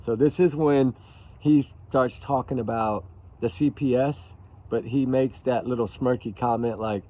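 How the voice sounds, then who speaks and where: An online true-crime commentator hosts a casual live show, reacting to played clips and addressing his viewers as y'all. His medium-pitched voice is steady and a little slow, captured in dull lo-fi livestream audio.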